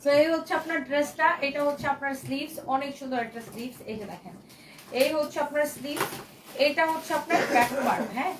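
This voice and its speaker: A woman's voice: high voice, fast talker, background noise. A woman with a Bangladeshi Bengali accent selling clothes on a live stream, repeating herself in a coaxing way and dropping in English phrases. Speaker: online clothing seller. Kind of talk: live-stream sales pitch. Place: clothing shop.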